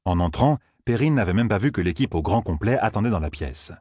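A man's voice: on the low side, a little fast, slightly rough, dry recording, studio quality. A man narrating a fantasy audiobook expressively. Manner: expressive, voices each character.

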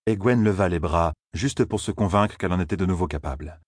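Deep husky male narrator. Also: a little fast, no room sound, clean studio sound. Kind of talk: audiobook narration.

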